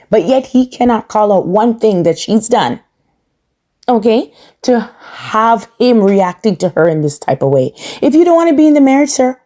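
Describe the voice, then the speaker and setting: A woman's voice: on the low side, mellow. A woman hosting a podcast, giving a casual, opinionated recap with sassy, emphatic repetition. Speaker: podcast host reviewing a reality show.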